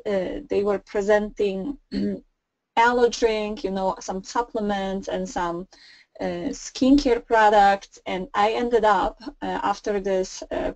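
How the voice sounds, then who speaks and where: A woman's voice: medium pitch, creaky, a little mellow, no echo, low-quality recording. A woman in her thirties from Poland with a Polish accent, a non-native speaker of English, chatting as a guest on a remote call in a friendly way. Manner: friendly, laughs easily, slightly non-native phrasing. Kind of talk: casual interview chat.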